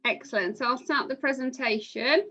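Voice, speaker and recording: A Polish woman who manages university recruitment speaks from home during a live admissions session held over video call, measured and hesitant, with plenty of fillers. Her voice sits high and has a bright, forceful tone. The audio is muffled, lo-fi online call sound.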